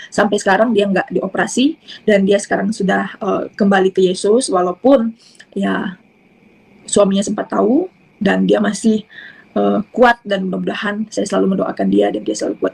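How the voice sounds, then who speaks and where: A woman from South Sulawesi with a Bugis accent, giving a halting, unhurried personal testimony. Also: mid-range voice, vocal fry, darkish tone, slightly rough, poor audio.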